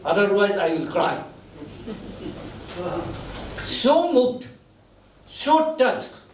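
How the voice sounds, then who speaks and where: Deeply moved, an author from Nepal who grew up speaking Nepal Bhasha offers thanks at his book launch, his slow, halting words coming in short, sing-song phrases. The emotional formal speech echoes through the event hall, recorded far from the mic with slight background noise and rough quality.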